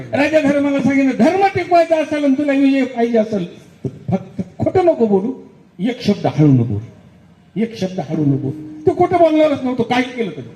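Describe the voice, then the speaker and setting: A man's voice: very high-pitched, dark tone, reverberant, low-quality recording. A man preaching a devotional kirtan sermon, telling the story dramatically and putting questions to the crowd, then answering them himself.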